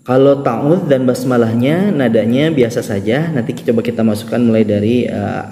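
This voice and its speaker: A man teaching Quran recitation in a relaxed spoken lesson, gentle and humble, with many hesitant fillers. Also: mid-range voice, normal speed, long reverb tail, a little hiss or hum.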